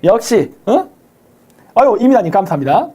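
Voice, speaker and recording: A woman hosting a live stream, giving sharp political commentary, sarcastic and combative, firing rhetorical questions and thanking viewers by name. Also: mid-range voice, sing-song, moderate pace, slightly rough. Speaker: livestream host thanking viewers for donations.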